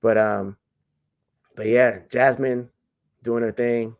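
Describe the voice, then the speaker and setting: A man's voice: medium pitch, slow pace. A man, a track and field jumps coach, talking loosely in a podcast interview with many fillers and restarts. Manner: relaxed, rambling with fillers and restarts.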